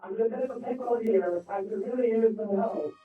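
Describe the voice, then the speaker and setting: A very high, pleading voice for a trapped humanoid medic in a tabletop game, muffled as if heard through a wall. The voice sounds far off, thin and phone-like, with a heavy echo around it. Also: male voice, normal speed. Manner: pleading for help. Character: trapped humanoid medic, stuck face-first in a hull. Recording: thin, phone-like, distant and echoey.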